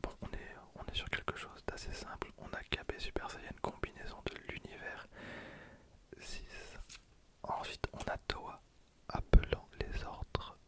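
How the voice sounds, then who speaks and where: A man in his twenties, an ASMR video creator and host, speaks entirely in a breathy, voiceless whisper while commenting on a card unboxing. His delivery is hushed, and he often repeats phrases slowly. A handheld stereo recorder is held close to capture him.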